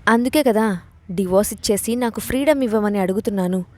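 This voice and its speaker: A woman voicing a proud, sharp-tongued young wife who talks haughtily and argues back. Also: mid-range voice, fairly quick, close to an everyday voice. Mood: sulky. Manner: haughty and argumentative.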